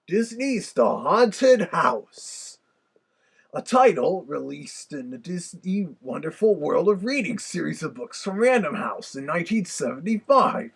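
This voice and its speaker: A man voicing a cartoon Big Bad Wolf with a gravelly, raspy voice, giving a wry, theatrical review commentary. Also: fairly high pitch, sing-song, unhurried, heavily acted. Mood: chatty, wry.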